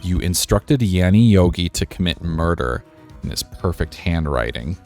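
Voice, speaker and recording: A man's voice: low-pitched, expressive, normal speed, darkish tone, soft background music. A man reading the lines of a young male defense attorney in a video game, pointed and confronting. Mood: accusing.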